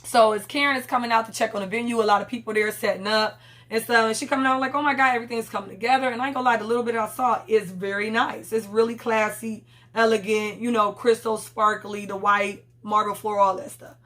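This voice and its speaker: A woman's voice: fairly high pitch, little pitch movement, a little fast, a bit bright. Blunt, profane woman recapping a reality show. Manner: candid, blunt, profane, rambling.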